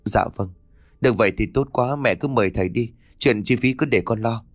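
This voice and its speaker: A man voicing a tense, short-tempered young husband who speaks in gruff, curt bursts. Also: medium pitch, fairly quick, dry recording, studio quality, close to an everyday voice. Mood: uneasy.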